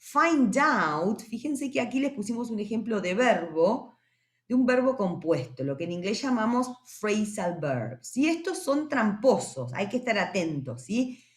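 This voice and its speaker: Female teacher for a recorded lesson, patient explainer, very expressive up-and-down delivery, roomy echo. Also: medium pitch. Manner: explains patiently, often asks "¿sí?" to check understanding; says English words slowly and clearly. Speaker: English teacher.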